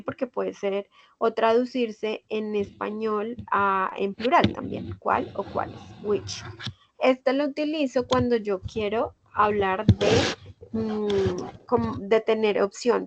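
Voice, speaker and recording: A woman's voice: mid-range voice, a little hiss or hum. A woman English teacher explaining step by step in an online class, giving examples in Spanish and English. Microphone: video call. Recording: dull lo-fi video call audio.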